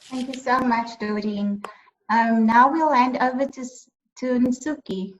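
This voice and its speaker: A woman's voice: fairly high pitch, unhurried, lo-fi sound, slight background noise. A woman from South Africa moderating an online panel, friendly, with frequent ums. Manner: friendly, filler-laden introductions. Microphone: video call.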